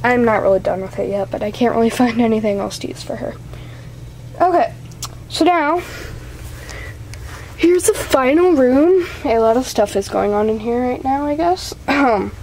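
With a fairly high, slightly mellow voice, a young woman rambles casually through a home show-and-tell in a small carpeted room, giggling and apologizing while making fun of herself. It's noisy amateur audio from a handheld camera's built-in mic.

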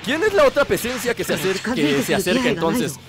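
Excitable man narrating gameplay. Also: high voice, brisk. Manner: excitable, shouts during fights, joking trash talk. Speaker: gameplay streamer.

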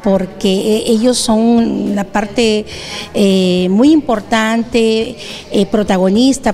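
A middle-aged woman with a Peruvian Spanish accent, interviewed in a school room with a handheld mic, speaking earnestly with pauses. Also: medium pitch, warm tone. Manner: earnest, slow, with fillers. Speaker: school director. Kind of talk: on-camera interview. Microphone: handheld station mic.

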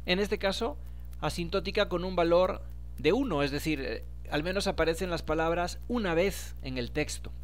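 A man's voice: high voice, normal speed. A man, explaining a data analysis tutorial step by step and speaking directly to his viewers. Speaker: instructor. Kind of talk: screen-recorded tutorial.

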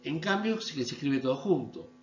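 A man from Argentina, giving a recorded online university lecture and often checking understanding with a quick "¿sí?". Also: expressive. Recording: echoey room, dull low-fi sound with mains hum.

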